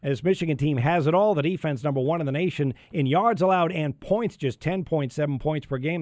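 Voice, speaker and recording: Slightly high-voiced male football betting analyst. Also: darkish tone, no room sound, studio quality. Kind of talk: football pick commentary on radio.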